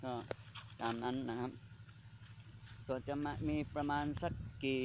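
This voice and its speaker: A male Buddhist monk speaks in a casual, halting way. He often pauses to find his words and ends nearly every phrase with a polite particle. His pitch sits in the ordinary middle, and faint ambient noise from outdoors by a pond lies under his voice. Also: steady tone. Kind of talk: casual on-site video commentary. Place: outdoors beside a pond or pit.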